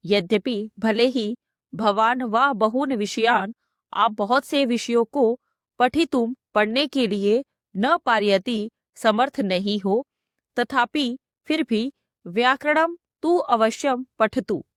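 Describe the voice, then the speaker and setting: Slowly and at a fairly high pitch, a woman teaching Sanskrit reads each textbook phrase aloud before explaining what it means, going line by line. The sound is dry and clean, like a studio.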